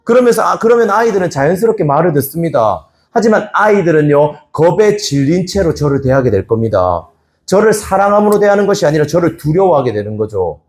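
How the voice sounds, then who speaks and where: A male pastor preaches a Sunday sermon. His pitch rises and falls a lot as he asks the congregation questions. He sometimes acts out a scolding voice. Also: sing-song, fairly quick, a little mellow.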